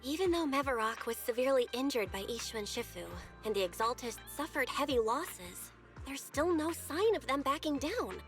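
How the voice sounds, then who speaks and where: A woman's voice: high voice, lively intonation, moderate pace, faint music behind. An actress voicing a skeptical young woman agent who questions things in a wry, probing tone in video game dialogue.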